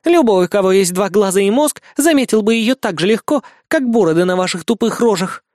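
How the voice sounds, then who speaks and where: A man's voice: sits high, lively intonation, brisk, a little mellow, no echo, voice pushed up. A scornful she-demon with fangs snarls each threat in a raised voice, as a man puts her on. The storybook delivery is close and dry, with no room around it. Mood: snarling scorn. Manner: snarling, contemptuous.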